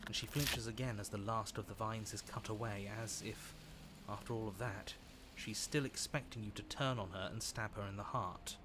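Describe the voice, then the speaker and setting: An actor playing a measured, faintly menacing game narrator, telling a dramatic story in the second person. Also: male voice, on the low side, steady tone, background noise, lightly acted. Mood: ominous. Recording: music behind the voice. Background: music.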